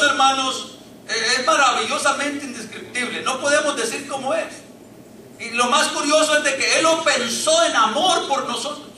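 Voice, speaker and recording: Man, preacher, Latin American Spanish accent, very high voice, echoey church, heard from a distance. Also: bright, forceful tone, slight background noise. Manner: fervent preaching, addresses the congregation as brothers. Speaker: pastor. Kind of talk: sermon. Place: church sanctuary.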